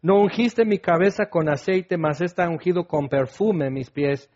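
A man preaching a sermon, animated and acting out scenes, then sinking into soft prayerful tones. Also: a little high, moderate pace. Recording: dull lo-fi recording.

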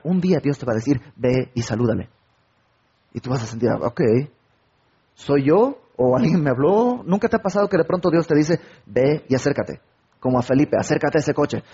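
A man's voice: sits high, a little mellow, slightly rough, lo-fi sound. A man preaching a sermon, asking his listeners questions and acting out little everyday conversations. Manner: rhetorical questions and acted-out everyday dialogue.

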